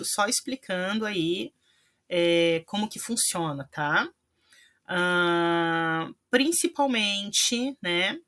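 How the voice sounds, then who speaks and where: Woman teaching a language lesson, slow and patient, bright voice a bit low-pitched. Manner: patient, explanatory, frequent "né" and "tá" tags.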